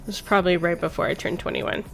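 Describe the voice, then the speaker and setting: Fast-talking and full of vocal fry, this woman in her thirties has a low, fairly even voice as she rambles casually through personal stories on her chat stream, cursing along the way. Music plays in the background.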